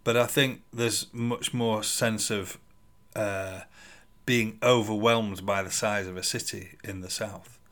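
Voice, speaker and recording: A man's voice: fairly low pitch, fairly even intonation, slow pace, a bit bright. A middle-aged man from Sheffield, chatting casually as a podcast co-host. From Sheffield, England. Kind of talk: casual conversation.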